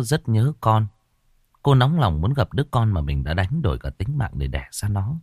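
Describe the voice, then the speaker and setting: Male audiobook narrator, animated pitch, dry close sound. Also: no room sound. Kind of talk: scripted narration.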